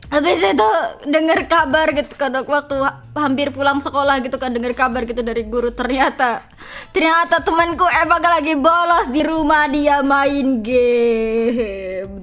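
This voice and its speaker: A woman, streaming as a VTuber and telling a story in an animated, dramatic, slangy way. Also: high-pitched. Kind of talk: casual livestream storytelling.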